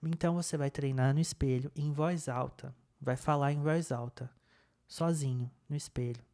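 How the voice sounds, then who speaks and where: A young man presenting a self-help lesson in a calm, casual way, often repeating and rephrasing as he goes. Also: mid-range voice, normal speed. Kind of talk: casual instructional talk.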